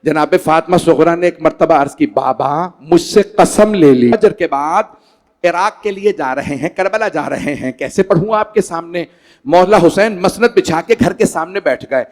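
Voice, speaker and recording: A cleric with a Pakistani Urdu accent delivers a mourning sermon to a gathered congregation in a large hall. His voice sits high for a man, and he stretches his words into a slow lament that climbs into pleading cries. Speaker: Shia cleric reciting a majlis. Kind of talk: Muharram majlis sermon with mournful recitation.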